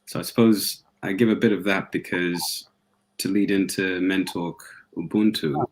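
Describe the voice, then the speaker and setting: A man's voice: deep voice, steady tone, moderate pace. A man from Zambia, speaking as a guest in a conversation, articulate and polite. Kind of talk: casual conversation.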